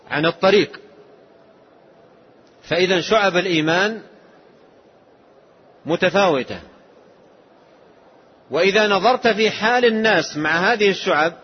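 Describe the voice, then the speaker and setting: A man with a husky, somewhat high voice teaches a religious lesson in a slow, measured way. He explains the text patiently, point by point. The recording sounds dull and lo-fi, like an old lesson tape. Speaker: Islamic scholar.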